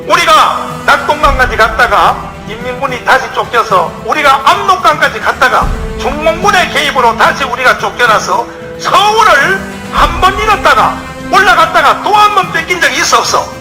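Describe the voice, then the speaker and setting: A male pastor giving a fiery sermon lecture, emphatic, often shouting and throwing rhetorical questions at the audience. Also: very high voice, lively intonation, moderate pace, few pauses, poor audio. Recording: music playing under the speech.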